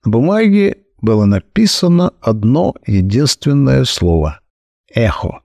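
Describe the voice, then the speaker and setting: A male audiobook narrator tells the story with lively irony and a wide-swinging melody. His voice has a gravelly grain. The recording is dry and close, as in a studio booth. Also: medium pitch, unhurried, dry recording. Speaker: audiobook reader.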